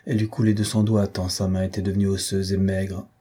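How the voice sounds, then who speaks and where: Brief: male audiobook narrator, low, mellow and husky, steady literary reading. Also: a little fast.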